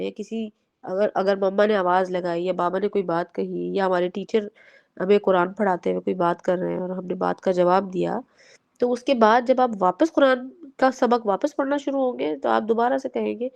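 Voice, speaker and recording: Woman, Pakistani Urdu accent, children's teacher, gravelly fry, patient explaining. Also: mid-range voice. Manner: gentle and explanatory, asks the children questions. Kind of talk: lesson for children.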